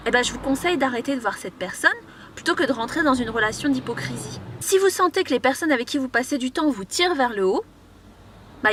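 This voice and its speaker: A woman's voice: sits high, fairly bright tone, a little hiss or hum. Chatty young woman filming in a car. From Mauritius. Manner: chatty, many fillers and restarts. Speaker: vlogger giving life advice. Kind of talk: casual advice vlog. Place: inside a parked car. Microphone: camera on a tripod.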